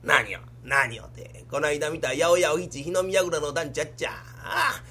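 A man's voice: a little high, lively intonation, moderate pace, sharp tone, slightly rough, pitched below the performer's own voice, exaggerated voice. Man doing a theater-mad young heir. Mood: chatty. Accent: Kansai Japanese. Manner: declaims in stagy kabuki style. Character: theater-crazy young male heir, showy and dramatic.

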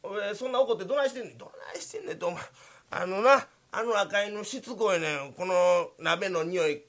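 A man with a Kansai accent voicing a flustered male night watchman who talks fast and scolds. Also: sits high, a bit bright. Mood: grumbling.

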